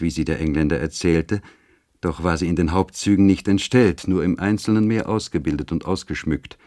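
Brief: male audiobook narrator for a classic novel, low-pitched, steady and literary. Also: no room sound, studio quality.

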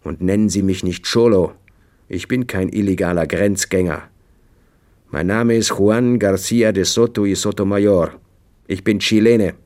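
A man with a deep, gravelly voice voicing a proud, scornful servant who is quick with a knife, in an audiobook. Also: lively intonation, a little mellow. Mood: angry. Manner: sneering, scornful.

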